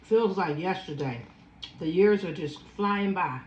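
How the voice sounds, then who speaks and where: Slow low-voiced woman in her fifties. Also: reverberant, slight background noise, poor audio. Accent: Philadelphia. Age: 50s. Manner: slow, savoring, chatty with food sounds. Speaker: food vlogger. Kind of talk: casual eating chat.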